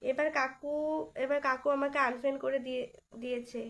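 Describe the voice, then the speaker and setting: Young female streamer, high-pitched, throat sore from illness; casual, teasing chat with viewers. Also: little pitch movement, a little fast, a bit bright. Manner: chatty, teasing, greets viewers by name. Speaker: live stream host.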